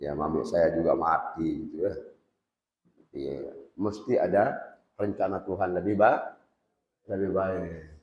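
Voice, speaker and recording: A man's voice: low voice, fairly even intonation, measured pace, pauses often. Man, religious teacher, informal lesson, talks with students, asks them questions, reverberant hall, muffled lo-fi recording. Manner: conversational, quizzes students directly. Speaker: Islamic boarding school teacher. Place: boarding school prayer hall. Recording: echoey hall, dull lo-fi sound.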